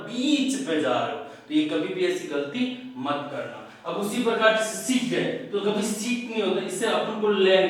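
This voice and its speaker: A male English grammar teacher with a Rajasthani Hindi accent, lecturing in Hindi, calling students "बेटे" and answering his own questions. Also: sits high. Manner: asks the class questions and answers them himself, calls students "बेटे". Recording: very echoey room, mic far off.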